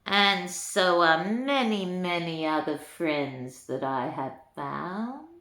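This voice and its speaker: Recorded in an echoey room, a grandmother reads a rhyming story to young listeners with an unhurried lilt, slipping in chatty asides. Her pitch is fairly low, and her delivery is expressive with a bit of brightness.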